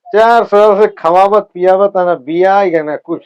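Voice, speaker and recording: A man's voice: high-pitched, measured pace, darkish tone, clean tone, muffled recording, faint music behind. A man with an Awadhi accent playing a rambling, shameless town drunk husband in a village comedy sketch. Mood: pleading, tipsy. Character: shameless drunkard village husband selling his in-laws' buffalo. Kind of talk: rural comedy sketch acting.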